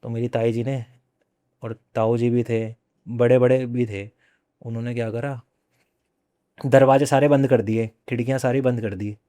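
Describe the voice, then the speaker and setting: A young man tells a personal ghost story as a podcast guest. His voice is mellow and dark, and he speaks conversationally, circling back over his own phrases. The recording is dry and close, with no room echo. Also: mid-range voice, flat delivery. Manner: repeats phrases, conversational and unhurried.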